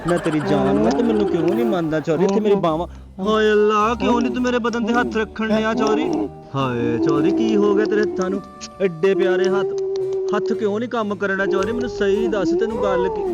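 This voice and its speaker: A man's voice: sits high, sing-song, fast talker, dull audio, over loud music, voice pushed up. A man playing a flirty, lovesick village woman in a comic sketch, coaxing and pleading with theatrical sighs. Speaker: comedian.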